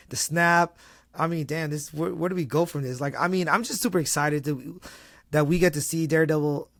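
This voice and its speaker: A man co-hosting a casual fan podcast, talking fast and excited in slang, often restarting his sentences. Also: on the high side, no echo, clean studio sound. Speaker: podcast co-host.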